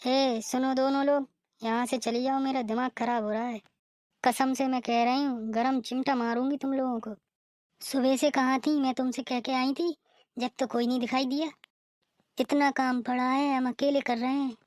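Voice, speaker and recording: A woman's voice: sits high, fairly even intonation, normal speed, a little mellow, no echo, studio quality, lightly acted. A woman voicing an overworked elder sister-in-law in a cartoon, bossy and nagging as she grumbles about the housework. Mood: angry. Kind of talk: cartoon voice acting.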